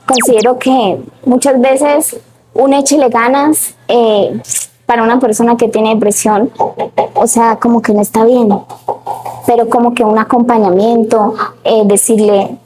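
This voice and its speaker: Young woman, warm, soft-toned. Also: a little high, fairly even intonation, measured pace, slight background noise, rough recording. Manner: frequent "o sea" fillers, tells stories with quoted dialogue. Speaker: interview guest. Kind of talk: emotional personal testimony.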